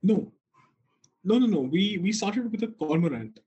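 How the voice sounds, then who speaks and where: A man's voice: high-pitched, animated, normal speed, warm tone, breathy edge, muffled recording. A man with a North Indian accent talking casually as an interview guest, telling things in a reflective, hesitant way. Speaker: guest, coffee roaster.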